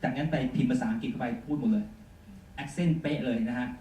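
A male teacher giving a chatty software demonstration lesson, full of polite particles. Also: mid-range voice, a little fast. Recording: echoey room, mic far off, faint noise.

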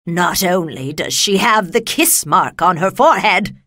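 A woman narrator acts out a wicked witch from a children's storybook. She is cruel and bossy, giving menacing commands in a raised, forceful voice. The sound is dry. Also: on the low side, lively intonation, a little slow, no echo. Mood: scheming. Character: wicked witch, cruel, domineering, shrieking when beaten.

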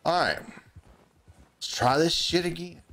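A man's voice: fairly high pitch, measured pace, gravelly, fairly bright tone. A man streaming a video game, chatting casually with friends and swearing freely as he grumbles at the game. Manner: chats with friends between gameplay. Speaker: gaming streamer. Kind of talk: casual let's-play commentary.

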